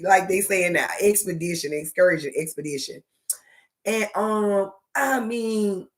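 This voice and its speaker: Slow-talking woman telling a spiritual story. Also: mid-range voice. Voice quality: slow, drawn-out speech with many fillers. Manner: emotional, laughs and trails off, speaks to spirits. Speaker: vlogger. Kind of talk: casual storytelling to camera.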